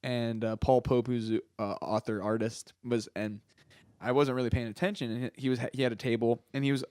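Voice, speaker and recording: A man's voice: medium pitch, little pitch movement, fairly quick, a little mellow, smooth, no echo. Rambling, laughing male podcast host. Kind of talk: casual film podcast chat.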